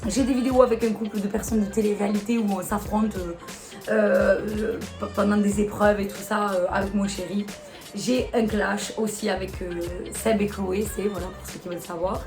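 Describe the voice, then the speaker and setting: A woman's voice: medium pitch, steady tone, normal speed, a little mellow, soft background music. A woman with a Marseille accent, casually talking to camera in a vlog and answering comments in a blunt, exasperated way. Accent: Marseille French. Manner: blunt, exasperated, fond of rhetorical questions. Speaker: YouTuber.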